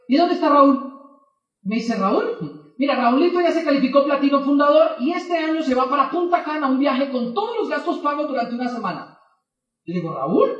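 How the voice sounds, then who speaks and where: A man's voice: very high voice, echoey room, distant mic, lo-fi sound. A man telling a personal story to an audience as a motivational speaker, acting out both sides of the conversations. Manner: animated, acts out both sides of dialogues.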